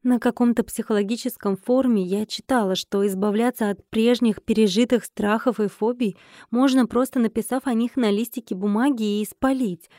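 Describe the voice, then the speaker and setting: A young woman in her twenties narrating a first-person fantasy audiobook in a steady, composed way. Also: a little high, normal speed, no echo, studio quality. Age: 20s.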